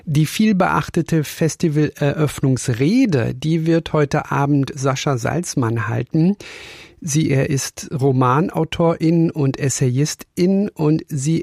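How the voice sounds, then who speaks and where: Gravelly-voiced male radio host. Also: medium pitch, darkish tone, dry recording, studio quality. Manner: measured, announcer-like delivery. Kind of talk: radio interview moderation. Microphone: studio microphone.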